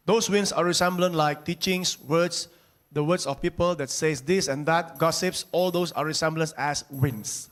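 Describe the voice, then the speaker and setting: Male church interpreter, slightly high voice. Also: fairly bright tone. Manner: quick literal renderings, loose grammar. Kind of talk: line-by-line sermon interpreting.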